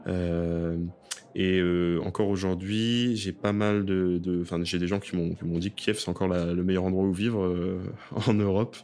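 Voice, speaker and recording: A man co-hosting a casual podcast, telling a relaxed, rambling account with frequent pauses. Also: low voice, smooth. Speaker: podcast co-host.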